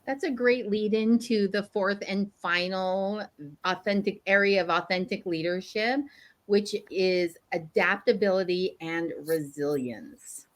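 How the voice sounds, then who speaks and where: A woman's voice: mid-range voice, measured pace. A woman co-hosting a business podcast, talking in a friendly, conversational way and often checking in with "right?". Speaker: podcast co-host. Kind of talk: casual podcast chat.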